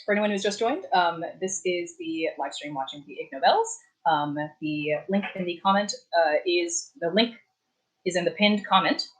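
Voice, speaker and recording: A woman's voice: on the low side, lively intonation, normal speed, rough recording. A young adult woman hosting a casual live stream from her apartment, chatting in a rambling way with many fillers and restarts. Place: warm apartment.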